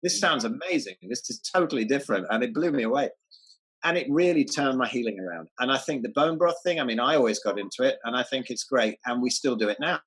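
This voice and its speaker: A man's voice: medium pitch, expressive, fast, fairly bright tone, slightly rough, rough recording. A man talking as an interview guest, enthusiastic, stumbling over false starts and repeated words. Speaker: guest, health writer. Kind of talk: casual interview chat.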